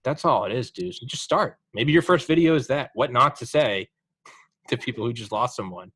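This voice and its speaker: A young man hosting a podcast, chatting casually with a guest, swearing freely and telling stories with animated encouragement. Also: medium pitch, moderate pace, breathy edge, no room sound. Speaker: podcast host. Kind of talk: casual chat.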